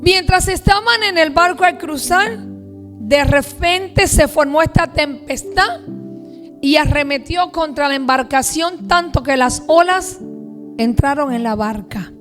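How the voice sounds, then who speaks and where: A woman pastor delivers an emphatic sermon in a very high voice. She speaks slowly and deliberately, stretching out key words and piling up phrases in lists. Faint music plays underneath. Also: fairly bright tone. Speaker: pastor and prophet. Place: church.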